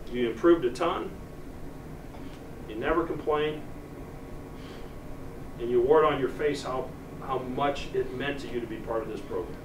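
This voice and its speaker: An American man, a college team coach, giving an earnest, deliberate pep speech to his players in the locker room, pausing for emphasis. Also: mid-range voice. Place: locker room, heard from a distance. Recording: echoey distant room recording with loud noise.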